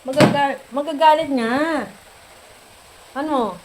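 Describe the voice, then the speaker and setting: A woman's voice: sits high, slow pace, very noisy. A woman from the Philippines, feverish and unwell, vlogging at home and coaxing her cat in playful baby-talk with frequent giggles. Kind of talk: casual home vlog talk. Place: at home indoors.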